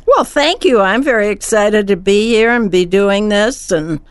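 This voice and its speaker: Clear, smooth-voiced older woman guest. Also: medium pitch, expressive, a little slow, dry recording. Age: older, over 55. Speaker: radio show guest. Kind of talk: conversational interview answers.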